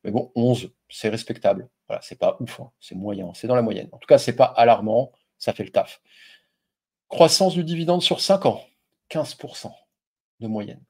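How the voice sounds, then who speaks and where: Speaking at a moderate pace in a creaky, darkish mid-range voice, a middle-aged investing video host chats casually with his viewers, filling his talk with fillers. French is his first language, and his explainer has a familiar tone. The audio is slightly rough.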